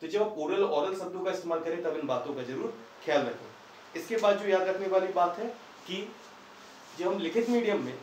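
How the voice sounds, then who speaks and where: A man's voice: sits high, animated, fairly quick, a little mellow, slight background noise. A man teaching English grammar in Hindi, patiently asking questions and answering them himself. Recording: echoey room, far from the mic.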